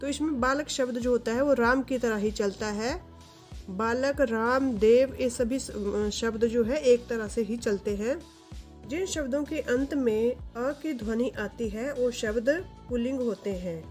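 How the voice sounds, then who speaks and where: A woman teaching a grammar lesson to viewers, reciting word forms in slow, steady lists. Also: fairly high pitch, faint music behind.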